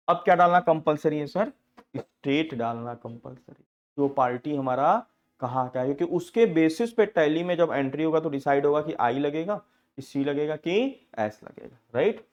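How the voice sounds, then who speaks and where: A man teaching accounting software in a casual class, telling stories with frequent laughs and acting out the people in them. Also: on the high side, expressive, normal speed, highs cut off. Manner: chatty storytelling, laughing often, acting out quoted people.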